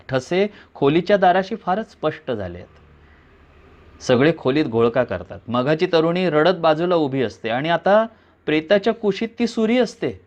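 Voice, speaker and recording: Brief: male reader with a somewhat high voice, narrating a thriller with suspense, dull recording. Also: darkish tone. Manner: suspenseful second-person narration. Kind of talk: dramatic story reading.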